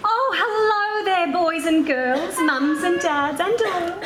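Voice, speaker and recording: A woman's voice: very high-pitched, slow. A woman on stage playing a bubbly, bumbling novice pantomime fairy, speaking in cheery, theatrical sing-song rhyme. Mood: cheery, welcoming. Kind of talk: stage pantomime narration to the audience. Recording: echoey theatre stage, faint room noise.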